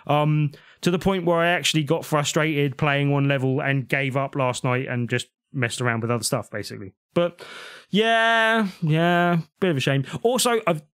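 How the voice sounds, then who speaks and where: A man's voice: on the high side, normal speed, a bit bright, clean tone. A man co-hosting a podcast, chatting casually in a wry, teasing way. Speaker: podcast co-host. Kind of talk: casual chat.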